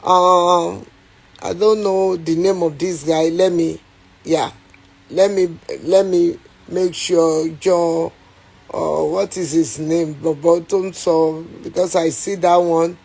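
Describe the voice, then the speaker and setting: A woman's voice: lowish voice, steady tone, slow pace, creaky, darkish tone. A woman with a Nigerian accent, an actress on a phone livestream, ranting with heat and pleading again and again for viewers to share. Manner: repetitive, pleading, heated, mixes in Yoruba. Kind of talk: angry livestream rant.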